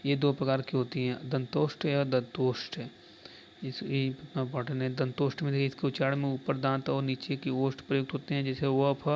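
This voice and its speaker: A man leads an exam-prep lesson, walking through answers one step at a time and repeating each term. His delivery stays flat and even. The recording sounds slightly dull, with a faint hiss behind him. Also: mid-range voice, a little fast. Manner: explains step by step, repeats terms, keeps saying "dekhiye". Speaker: teacher.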